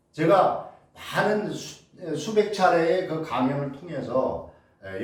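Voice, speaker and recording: A man's voice: on the high side, darkish tone. A male lecturer giving a public humanities talk, posing rhetorical questions and answering them himself, with many filler sounds. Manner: frequent filler sounds and restarts. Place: lecture hall. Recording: very echoey hall, distant mic.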